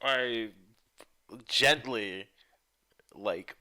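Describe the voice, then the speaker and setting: A man's voice: medium pitch, very slow, sharp tone. A young man playing a tabletop game, casual, swearing often and laughing. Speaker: player.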